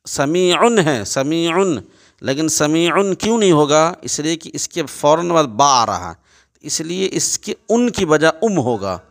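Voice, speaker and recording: In this recitation lesson, a man whose voice runs high, creaky, and lively in intonation moves between chanting the Quran and explaining it in ordinary speech. He breaks down letters and vowel marks one step at a time.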